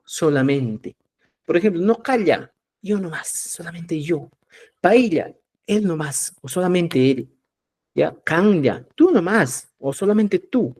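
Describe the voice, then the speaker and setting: A man teaching a live online language class, speaking slowly and with emphasis, and often checking whether the students follow. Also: on the high side, darkish tone. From Peru. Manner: checks understanding with repeated "¿ya?"; slow, emphatic drilling of example words.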